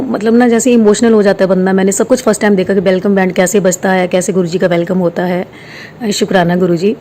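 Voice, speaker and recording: A woman's voice: mid-range voice, a little mellow, slight background noise. A woman, telling a personal devotional story in a casual, hesitant way, with many fillers and English words mixed in. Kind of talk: casual spiritual testimony. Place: quiet room at home.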